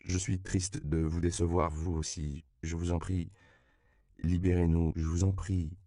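A man's voice: deep voice, flat delivery, unhurried, dark tone, smooth, no echo, studio quality. A man voicing a middle-aged man who pleads in a trembling voice, in an audiobook. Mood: pleading. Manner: tremulous, imploring.

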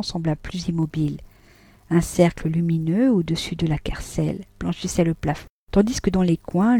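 A woman reading a classic novel aloud, measured and subdued in the narration. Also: fairly low pitch, warm tone, dry recording.

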